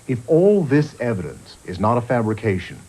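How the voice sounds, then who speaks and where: A man, a journalist, giving measured, grave documentary narration, heard from a worn VHS tape copy. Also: medium pitch, sing-song, dark tone, breathy edge, rough recording. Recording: faint music underneath, worn tape.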